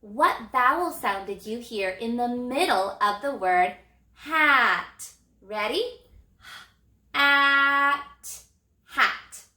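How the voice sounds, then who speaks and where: A high, bright woman's voice teaching phonics to young children. She speaks slowly and stretches out each sound with exaggerated care. The room around her is echoey. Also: lively intonation. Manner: slow, exaggerated sound modeling with gestures. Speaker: elementary reading teacher.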